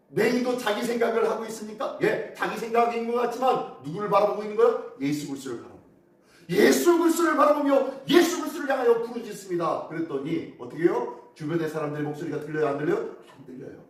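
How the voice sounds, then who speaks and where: A man preaching a dawn sermon as pastor, animated and asking the congregation questions, recorded by a phone camera from a distance. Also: high-pitched. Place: church sanctuary. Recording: echoey room from far off.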